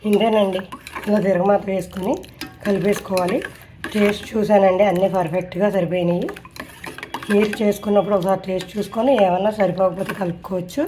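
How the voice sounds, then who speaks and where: Mellow woman narrating a recipe. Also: medium pitch, fairly even intonation, fast talker. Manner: polite, instructional. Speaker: home cooking vlogger. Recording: faint noise with kitchen clatter.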